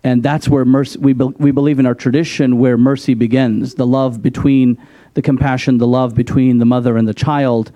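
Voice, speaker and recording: In the role of an imam on a public hearing panel, a man lays out his faith in a measured way and pokes gentle fun at himself. His medium-pitched voice is level and warm, with no audible room sound.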